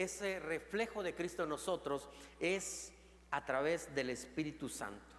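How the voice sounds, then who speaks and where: Male pastor with a Mexican accent, high voice, impassioned sermon with swings from loud to hushed, church reverb. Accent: Mexican Spanish. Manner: preaching with rising intensity, then dropping to a low, soft tone. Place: church sanctuary. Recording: long reverb of a church hall.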